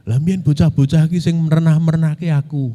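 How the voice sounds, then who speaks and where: A man's voice: a little high, steady tone, brisk, mellow, long reverb tail, voice pushed up, natural voice. A man voicing a grumbling retired older ex-mayor, complaining. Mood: aggrieved. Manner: complaining, aggrieved.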